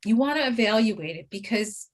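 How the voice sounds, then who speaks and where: A woman's voice: a little high, lively intonation, moderate pace. A woman teaching caregivers in a training webinar, steadily listing do's and don'ts.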